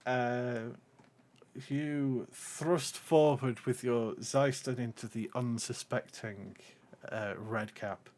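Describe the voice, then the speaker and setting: A man running a tabletop game as game master, narrating casually in a halting, informal way. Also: mid-range voice, steady tone, darkish tone.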